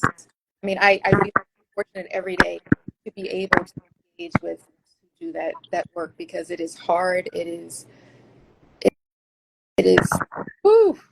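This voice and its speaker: Woman guest talking about her research, earnest, kinda halting, gravelly fry in her voice. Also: on the low side, very noisy. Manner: earnest, thoughtful, with halting restarts. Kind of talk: casual interview talk.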